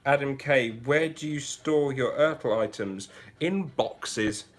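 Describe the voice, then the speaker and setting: A man's voice: mid-range voice, slow. A man hosting a casual livestream, reading out viewer comments and musing aloud in a chatty way, often restarting his sentences. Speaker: livestream host.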